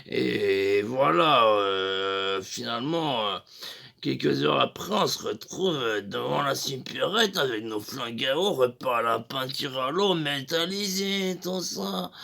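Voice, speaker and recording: A man's voice: medium pitch, takes it slowly, vocal fry, bright, forceful tone. A young man telling a crude, rambling comic story full of fillers. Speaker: comedian.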